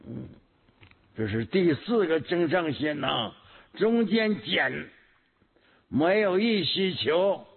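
Slow gravelly Buddhist preacher, man. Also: fairly high pitch, lively intonation. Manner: slow, measured teaching with frequent hums and repetitions. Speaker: Buddhist teacher. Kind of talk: Buddhist sermon. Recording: tinny phone-like lo-fi recording.

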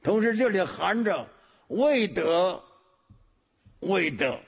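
A man preaches a Buddhist sermon in a slow, deliberate delivery, humming between phrases and going back over his key words. His voice sits high and swings widely in pitch, with a husky edge. It comes through a thin, phone-like recording. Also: expressive. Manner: slow, measured teaching with frequent hums and repetitions. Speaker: Buddhist teacher.

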